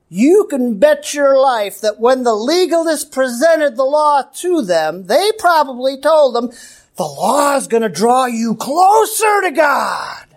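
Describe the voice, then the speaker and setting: A middle-aged man preaching a sermon as pastor, telling stories animatedly and shouting out quoted lines. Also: extremely high pitch. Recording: roomy echo, distant mic, faint ambience.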